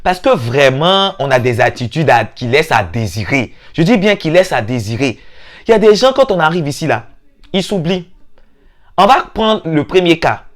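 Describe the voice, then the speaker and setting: A young man with an Ivorian French accent tells a comic story as a vlogger, mimicking people with sudden high-pitched exclamations. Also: big pitch swings, normal speed. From Ivory Coast. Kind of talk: comedic storytelling monologue.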